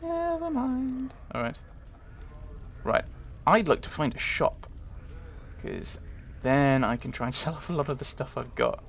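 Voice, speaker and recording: A man's voice: on the high side, sing-song, a little slow, gravelly, slight background noise. A man doing casual game commentary, thinking aloud in muttered asides and reading bits of game text. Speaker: let's player.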